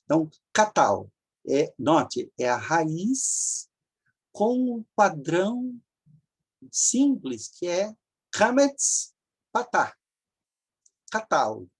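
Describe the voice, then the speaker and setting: A man's voice: a little high, big pitch swings, drawn-out words, pauses often, breathy edge. A man teaching an online grammar lesson, patiently explaining step by step, repeating forms and checking in with the listener.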